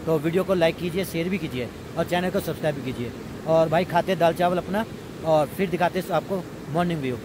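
The roar of a river comes through clearly as a man narrates his camping vlog from a riverside campsite. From India, he has a fairly high voice and talks to his viewers informally, like they're friends.

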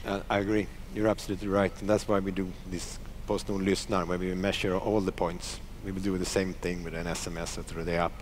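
A man's voice: low-pitched, flat delivery, brisk, few pauses, a little hiss or hum. A middle-aged man speaking on a conference panel, firm and assured. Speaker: panelist, company chief. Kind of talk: panel discussion. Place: conference stage. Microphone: headset.

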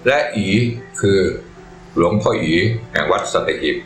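A man narrating a Buddhist monk's life story in a calm, measured, reverent way. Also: low voice. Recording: echoey room with faint music. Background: faint music.

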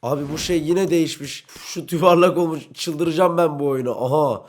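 Brash, excitable young man gaming. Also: fairly high pitch, moderate pace. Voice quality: brash, excitable, swings between shouting and muttering. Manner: talks to himself and his in-game teammates while playing. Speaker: gaming YouTuber. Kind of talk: let's-play commentary.

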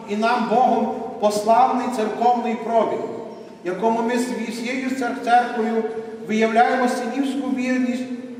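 A high-voiced priest preaches and calls children forward one by one. He speaks formally, then gently. He is heard from far back in a big church with a long, ringing echo. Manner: formal church address, then warm calling of children by name. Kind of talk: sermon and first communion ceremony. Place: large church, recorded from a distance. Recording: echoey church from far off, faint noise.

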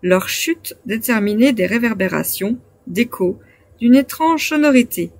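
A woman reading a classic adventure novel aloud as an audiobook narrator, in a measured, phrase-by-phrase delivery. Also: fairly high pitch, lively intonation, no room sound. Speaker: audiobook reader.

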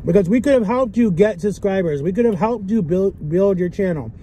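A man's voice: sits high, animated, a little fast, mellow, rough recording. A young man vlogging in casual chat to camera, talking earnestly and repeating his phrases. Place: sitting inside a car. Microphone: camera at dashboard distance. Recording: background noise inside a car.

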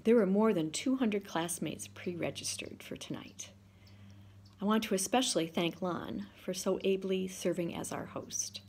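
A woman in her sixties, a class officer, giving measured prepared remarks over a video call from her living room. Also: on the low side, a little hiss or hum. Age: 60s. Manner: measured, reading from notes. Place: home living room, indoors. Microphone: video call, laptop camera.

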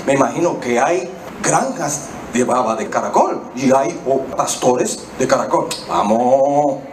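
A Dominican man doing live stand-up comedy on a small theater stage with a handheld mic, animated and slangy, slipping into voices. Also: mid-range voice, unhurried, recorded from a distance. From Dominican Republic. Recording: echoey hall, mic heard from afar, loud noise.

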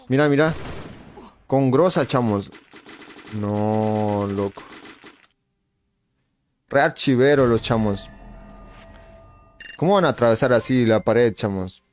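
A man hosts a live game stream, his voice sitting at an ordinary middle pitch. He talks in relaxed, slangy banter, greeting viewers one by one and reacting aloud to the fight on screen. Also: takes it slowly, long pauses, a little hiss or hum. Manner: greets viewers by name while reacting to the match. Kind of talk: casual live-stream gaming chatter.

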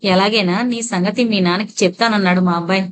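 A woman voicing a kindly old grandfather who speaks softly and soothingly to a small girl. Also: medium pitch, steady tone, quick pace, natural voice. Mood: gentle. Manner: soft, soothing, hushed.

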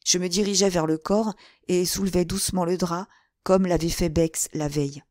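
Female audiobook reader; low-pitched, measured, steady narration, close and dry. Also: no room sound. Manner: measured, even storytelling.

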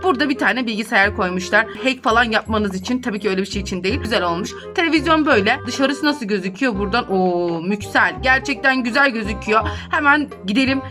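A woman's voice: a little high, animated, fast talker, few pauses. A woman hosting a gaming video, chatting casually and giggling as she tours a house. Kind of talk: casual gameplay tour commentary. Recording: background music under voice.

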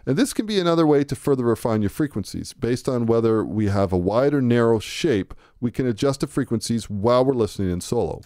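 A man giving a relaxed, conversational music production tutorial, thinking aloud as he works. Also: medium pitch, a little fast, hardly any pauses, dry recording, clean studio sound. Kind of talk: screen-recorded software tutorial. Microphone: close to a studio microphone.

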